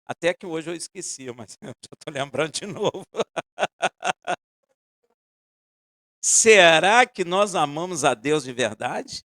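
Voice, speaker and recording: A man preaching a sermon, asking the congregation pointed questions and swinging between loud emphasis and quiet asides. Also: on the high side, lively intonation, slow pace, long pauses, no room sound.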